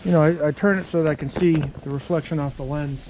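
A man's voice: on the high side, fairly even intonation, fast, highs cut off, background noise. A man casually talking through his motorcycle camera setup outdoors, chatting to himself as he fiddles with gear. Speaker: motovlogger.

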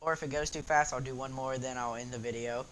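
A man giving excitable live gameplay commentary, often laughing and yelping as he plays. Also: mid-range voice, quick pace, a little hiss or hum. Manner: excitable, yelps and laughs while playing. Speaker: gaming YouTuber.

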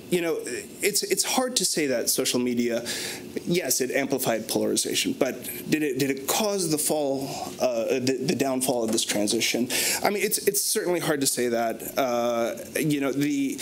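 A man in his thirties, a native English speaker, speaks as a conference panelist about a research paper in a conference room in front of a banner. He's thoughtful, gestures a lot, and often restarts or uses fillers, with his medium-pitched voice captured on a lapel mic in a low-quality recording with slight background noise.

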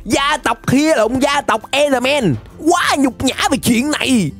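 Excitable woman gamer. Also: high voice, soft background music. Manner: excitable, playful, laughs often, repeats words rapidly. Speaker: gaming channel host. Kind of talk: excited Minecraft gameplay commentary.

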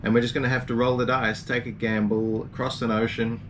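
Recorded on a distant camera mic with slight hiss or hum, a man in his forties rambles casually through a video update from a small boat cabin, filling it with ums and uhs. This sailing vlogger has a medium-pitched, level voice and a brisk delivery.

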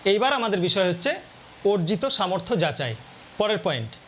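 A man with a Bengali accent explaining step by step how to teach a grammar lesson, spelling out sounds slowly. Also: high-pitched, sing-song, a bit bright, a little hiss or hum. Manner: slow and deliberate, spelling out sounds one by one. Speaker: teacher coaching exam candidates. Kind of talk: explaining a demo class lesson.

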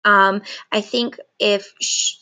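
A woman in her thirties with a sore throat gives a chatty, informal software walkthrough as a photographer. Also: medium pitch, level tone, takes it slowly, smooth. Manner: chatty, loose phrasing with many likes. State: sore throat, painful to talk. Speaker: photographer presenting a software tutorial. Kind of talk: casual walkthrough and review to camera. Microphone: screen recording with webcam.

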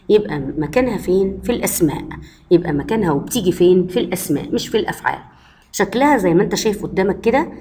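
A woman's voice: mid-range voice, darkish tone, a little hiss or hum. A woman with an Egyptian Arabic accent, a primary school teacher giving a recorded lesson to first graders and answering her own questions patiently. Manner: patient, asks the class questions and answers them herself.

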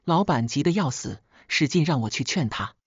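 A woman narrating a scripted first-person story in a steady, sharp-tongued way. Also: low voice, moderate pace, breathy edge, no room sound, dull audio.

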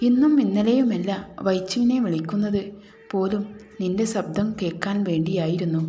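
A woman's voice: mid-range voice, mellow, close to an everyday voice. A woman voicing an ardent young man who insists on his love in a storybook reading, speaking tenderly and firmly.

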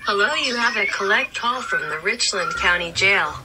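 A woman's voice: mid-range voice, animated, normal speed, loud music behind the voice, rough recording. Recorded woman's payphone collect-call prompt. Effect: recorded collect-call message over a payphone line. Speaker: automated jail phone operator. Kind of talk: automated announcement.

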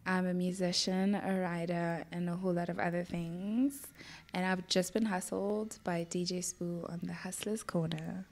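A young woman, a musician guest in a small studio, talking in a thoughtful, relaxed way. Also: fairly low pitch, normal speed. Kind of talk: casual interview chat. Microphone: desk mic on boom arm.

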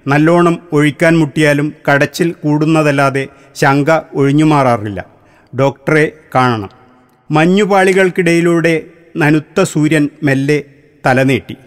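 A man reading a literary short story aloud in a measured, deliberate narration. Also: fairly high pitch. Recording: long hall reverb.

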